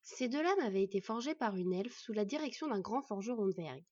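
A woman calmly narrating a fantasy audiobook. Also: medium pitch, brisk, slightly rough, no echo, highs cut off.

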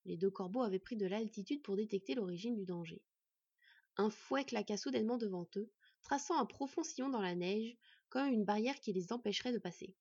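A woman reading a fantasy story aloud in an expressive storytelling manner. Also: mid-range voice, a little fast, breathy edge, dry recording. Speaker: audiobook reader. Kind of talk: scripted fantasy narration. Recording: dull lo-fi recording.

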